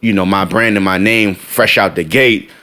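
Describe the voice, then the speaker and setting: A man's voice: on the low side, steady tone, moderate pace, sharp tone. A man with an American accent chatting casually and emphatically, repeating himself and leaning on slang. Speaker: music producer. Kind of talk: casual conversation.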